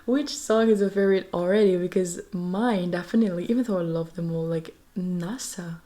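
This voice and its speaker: A woman's voice: mid-range voice, fast talker, dark tone, soft background music. A woman fan vlogger recapping in a casual, gushing way, swearing freely and dropping into whispered asides.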